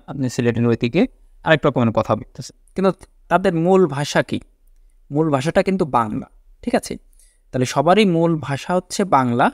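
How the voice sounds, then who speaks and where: A man's voice: mid-range voice, dry recording, clean studio sound. A man teaching a lecture, repeating key words, asking and answering his own questions and often checking whether his listeners follow. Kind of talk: classroom lecture.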